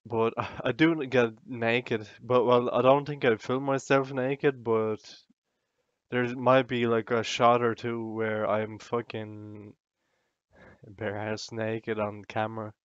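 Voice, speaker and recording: A man's voice: mid-range voice, level tone, takes it slowly, dry recording, lo-fi sound. A drunk man in a casual, sweary, meandering and self-deprecating ramble to the camera, as a vlogger does.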